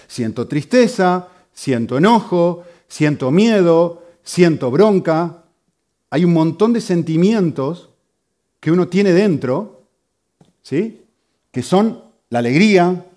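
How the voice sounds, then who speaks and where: Lively, animated preacher man. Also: fairly high pitch. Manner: brisk, explanatory, with frequent checking "¿sí?". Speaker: pastor. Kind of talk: sermon teaching.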